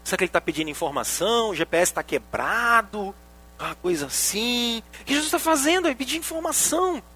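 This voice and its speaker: A man's voice: sits high, expressive, a little fast, bright, forceful tone, breathy edge, full character voice. A man preaching, voicing puzzled disciples who fire off baffled questions.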